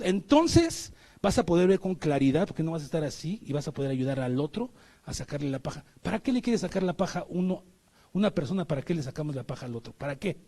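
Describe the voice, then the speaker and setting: A man's voice: fairly high pitch, mellow. A middle-aged man with a Mexican Spanish accent preaching a sermon, emphatic, often asking the congregation rhetorical questions.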